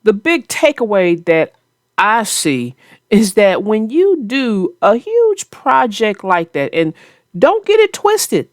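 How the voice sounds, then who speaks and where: The recording is clean studio sound with no echo, carrying a woman's slightly high voice. She is a host and storybook narrator, reading to children and chatting about the story with folksy, playful teasing.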